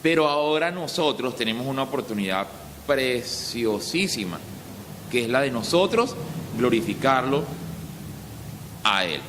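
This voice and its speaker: Man from Venezuela, pastor, sermon, rhetorical questions, dramatic pitch swings, long church reverb, faint background hum. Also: sing-song, a little slow, long pauses. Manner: rhetorical questions answered by himself. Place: church hall.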